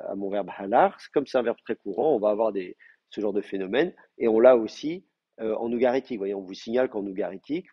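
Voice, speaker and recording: In a muffled, lo-fi classroom recording, a man whose voice sits fairly low with a breathy edge explains a language lesson one step at a time. He thinks out loud, often hesitating and using fillers.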